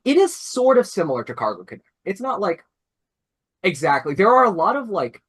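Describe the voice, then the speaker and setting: Over a video call, a young man who mentors robotics teams rambles through a casual explanation, his high, fairly bright voice breathy at the edges, fairly fast and swinging widely in pitch. Fillers such as "like" and "uh" abound, along with restarts and self-corrections.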